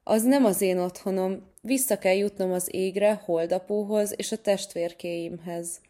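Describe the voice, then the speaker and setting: A woman's voice: medium pitch, steady tone, mellow, lightly acted. Lost little star in a storybook, timid, plaintive, polite, voiced by a woman. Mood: tearful.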